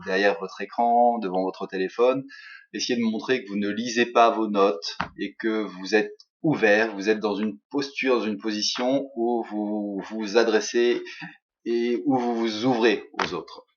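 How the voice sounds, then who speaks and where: Man, French accent, English teacher, slow hesitant delivery, lowish voice, dull lo-fi sound. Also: fairly even intonation. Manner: hesitant, many fillers, switches between English and French. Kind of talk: recorded lesson feedback. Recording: dull lo-fi recording.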